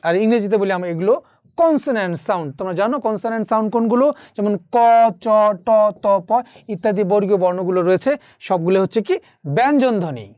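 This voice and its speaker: A fairly high-voiced woman teaching, delivering an exam-prep lecture. She keeps firing rhetorical questions at her students and drilling the answers back. The sound is dry and close, with no room echo. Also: a little mellow.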